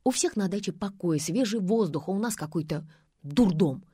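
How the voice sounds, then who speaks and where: A woman's voice: mid-range voice, animated, normal speed, warm tone, husky, no room sound, clean studio sound. A woman reading an audiobook, voicing a tired young woman who grumbles and refuses. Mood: grumpy. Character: young woman, weary and grumpy.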